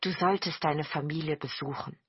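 A woman voicing a kind, caring young wife who gives gentle advice. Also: sits low, moderate pace, husky, no echo, highs cut off.

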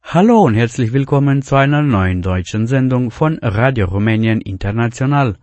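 A man's voice: mid-range voice, animated, moderate pace, a little mellow, dry recording, faint music behind. A man presenting a scripted radio programme as its host. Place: dry radio studio.

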